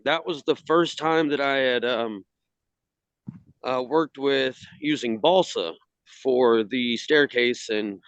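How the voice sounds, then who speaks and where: A man on a video call from outdoors in the cold, casually presenting his hobby work in a halting way. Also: mid-range voice, fairly bright tone, dry recording. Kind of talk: casual slideshow talk. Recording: slightly dull video-call audio.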